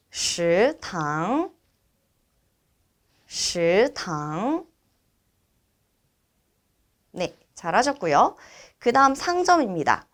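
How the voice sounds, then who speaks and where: Female instructor, animated intonation, patient explanatory delivery, drawn-out model words. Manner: patient, explanatory, frequent affirming fillers; drawn-out, high-pitched model pronunciations. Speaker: Chinese language instructor. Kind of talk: vocabulary lesson with repeat-after-me drills.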